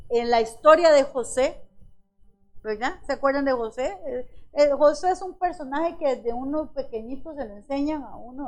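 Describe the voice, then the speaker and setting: A woman preaching a sermon to her congregation. She calls them brothers, asks many rhetorical questions and slows down to stress key phrases. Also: high-pitched, darkish tone. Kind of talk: church sermon.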